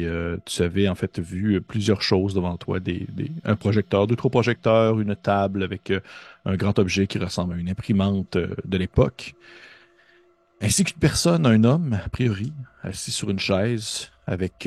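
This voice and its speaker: A man's voice: low-pitched, moderate pace, no room sound. A man with a Québécois accent narrating a tabletop horror game as game master, hesitant with many fillers and restarts.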